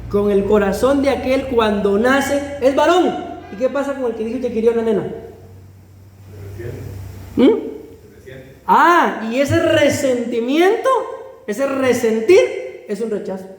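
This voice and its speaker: Guatemalan pastor preaching, chatty, keeps saying brother, soft little laughs, echoey church hall. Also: male voice, very high-pitched. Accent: Guatemalan Spanish. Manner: conversational preaching, often adds "hermano", laughs lightly between phrases. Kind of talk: sermon.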